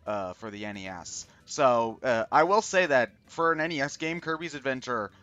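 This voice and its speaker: A man hosting a gaming stream with casual commentary, talking in a rambling, halting way and often correcting himself. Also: medium pitch, fairly bright tone, dry recording, dull audio. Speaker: host of a charity gaming stream. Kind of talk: casual video game commentary. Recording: game music behind the voice. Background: video game music.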